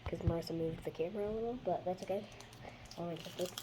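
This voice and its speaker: A woman hosting a casual craft how-to, chatty and rambling, with a slightly hoarse voice from losing it a little. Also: on the low side, fast talker, noisy background. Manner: chatty, rambling, trails off mid-sentence. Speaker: craft video host.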